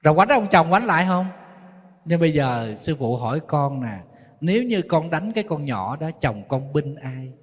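A man, a Buddhist monk with a Southern Vietnamese accent, giving a sermon full of lively stories and acted-out quoted voices. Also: fairly high pitch, normal speed. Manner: storytelling, acting out quoted voices, teasing. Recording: long hall reverb.

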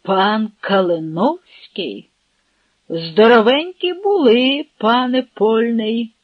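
Cocky cossack leader done by a reader, slow and ironic, dull dry sound. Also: male voice, very high-pitched, lively intonation, dry recording, exaggerated voice. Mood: mocking. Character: confident Cossack leader, mocking and stern. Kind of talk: audiobook narration.

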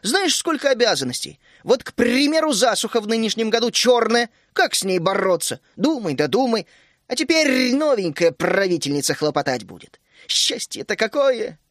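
Man putting on a brisk bossy gnome queen, high and lively. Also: dry recording, clean studio sound. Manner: brisk, exclaiming, loud and mocking. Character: bossy cheerful female gnome queen, small.

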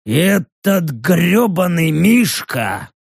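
Man playing a crude mocking soldier, teasing tone, lively pitch swings, slow drawl. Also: creaky, breathy edge, no room sound, clean studio sound, exaggerated voice.

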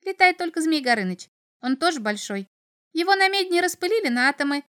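A giggly little devil from a children's storybook chatters at high speed, his squeaky voice bouncing in singsong lines, put on by a woman reading the tale. He is pushy and full of mischief. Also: expressive, a little fast, fairly bright tone. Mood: playful. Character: small mischievous male imp, giggly and chattering.

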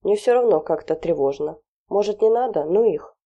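A woman's voice: medium pitch, lively intonation, moderate pace, muffled recording, close to an everyday voice. Woman voicing a fretful fussy mother. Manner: fretful, pleading, flustered. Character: fussy anxious middle-aged mother.

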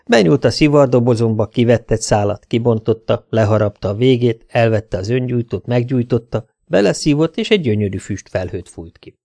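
A man's voice: medium pitch, expressive, creaky, warm tone, no echo. Man reading a hard-boiled audiobook. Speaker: audiobook reader. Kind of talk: first-person audiobook narration.

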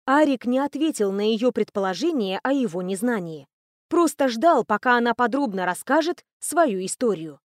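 A woman's voice: fairly high pitch, lively intonation, moderate pace, no room sound, studio quality. Woman narrating a fantasy audiobook. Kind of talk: scripted narration of a fantasy novel.

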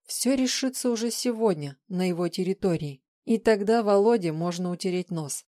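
A woman's voice: medium pitch, moderate pace, dark tone, no room sound, studio quality, natural voice. A woman reading an audiobook, voicing a smug, scheming older man who talks indulgently. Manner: pleased, indulgent.

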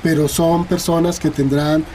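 A man's voice: a little high, little pitch movement, unhurried, mellow, a little hiss or hum. A man with a Mexican accent, a guest linguist explaining things in an interview, hesitant and full of fillers and tag questions.

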